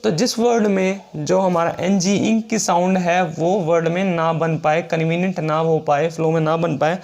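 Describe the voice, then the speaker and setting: A man teaching a shorthand class, slowly explaining rules and repeating each example word. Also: on the high side, steady tone, creaky, a little mellow. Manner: slow, repetitive explaining, reads rules aloud. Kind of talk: classroom lesson.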